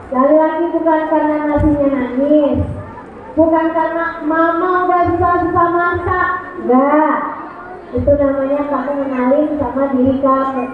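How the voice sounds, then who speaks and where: A woman's voice: high voice, slight background noise. A woman preacher giving a religious talk to mothers in a hall, with a sing-song lilt, Arabic recitations and questions put to the audience. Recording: tinny echoey hall recording.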